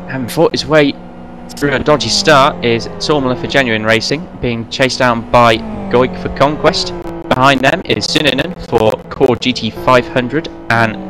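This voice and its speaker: A man giving fast, running play-by-play commentary on a sim race, now and then correcting himself. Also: mid-range voice. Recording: race car engine noise behind voice. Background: racing car engines.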